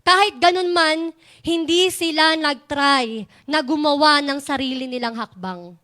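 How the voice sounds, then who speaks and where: A young woman giving a lively youth sermon, asking the crowd questions and laughing often. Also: high voice, a little slow. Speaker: youth preacher.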